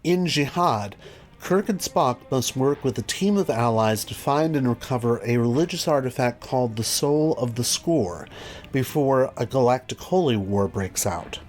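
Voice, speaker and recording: A man with a medium-pitched, animated voice presents a scripted video review at a moderate pace, sprinkling in wry, dry remarks. Music plays behind him.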